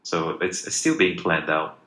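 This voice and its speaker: A deep-voiced man from Malaysia fields questions in a loose live Q&A, stalling on "um" and restarting his sentences. His tone is bright and forward. The audio has a roomy echo and faint background noise. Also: expressive, unhurried. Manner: hesitant, many fillers and restarts. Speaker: project founder. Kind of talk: casual live Q&A answers. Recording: echoey room with faint noise.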